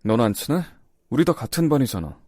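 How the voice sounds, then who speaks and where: A man's voice: medium pitch, sing-song, fast talker, darkish tone, no room sound, studio quality. A man voicing an outgoing, friendly teenage transfer student in an audio drama, talking in a breezy, teasing way. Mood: puzzled.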